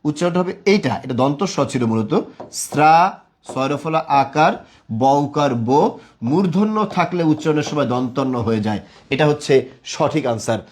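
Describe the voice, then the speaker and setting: A man's voice: on the high side, expressive, a little fast, a little mellow. A young man teaching a live online class, quizzing viewers and praising them again and again. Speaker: online tutor.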